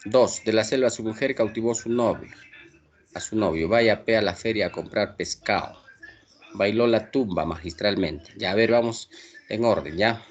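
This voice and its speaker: A man teaching an online language class, possibly with a Peruvian accent, moving quickly through exercises and checking in with his students. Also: on the low side, muffled recording. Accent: Peruvian Spanish. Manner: brisk, checks understanding with frequent tag questions.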